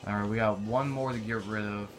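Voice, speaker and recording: A man's voice: lowish voice, steady tone, fairly quick. A young man giving casual, offhand commentary while playing a war video game. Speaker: gameplay commentator. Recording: noisy game audio behind.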